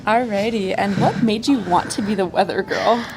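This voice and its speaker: A woman's voice: mid-range voice, moderate pace, background noise. A young woman interviewing classmates in a casual behind-the-scenes chat, upbeat and teasing. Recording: roomy echo with crowd chatter.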